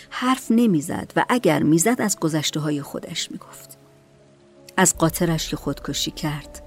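A woman narrating a novel in a calm, measured voice. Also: fairly low pitch. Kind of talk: storybook narration.

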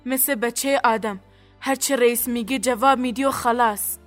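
A woman's voice: a little high, fairly even intonation, faint music behind, pitched above the performer's own voice, lightly acted. A woman voicing a tall young woman guard who speaks Persian with a Kurdish accent, curt and obedient. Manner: curt, obedient to her boss.

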